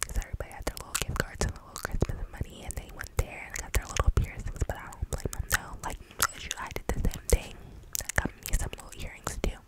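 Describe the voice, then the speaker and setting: A woman's voice: fast talker, rough recording. A young woman speaks entirely in whispers, right up against the microphone. She tells a personal story in an ASMR style, casual and slangy, rambling along with frequent hesitations. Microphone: very close microphone.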